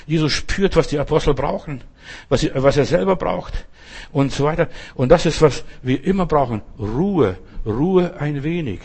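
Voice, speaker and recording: Preacher man, slow on key words. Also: fairly high pitch, animated, vocal fry, darkish tone, slightly rough. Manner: repeats phrases, slows down on key words. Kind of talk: sermon.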